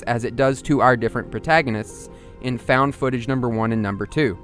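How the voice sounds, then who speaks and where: Over music, a male narrator with a higher-middle everyday pitch gives a musing video essay, explanatory and slightly conversational.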